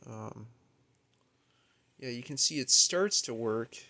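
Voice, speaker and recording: A man with a medium-pitched, animated voice speaks slowly and with a sharp tone. He's an amateur video maker showing off equipment in a carpeted room at home, thinking aloud in a casual, unscripted way that sounds musing and a touch hesitant.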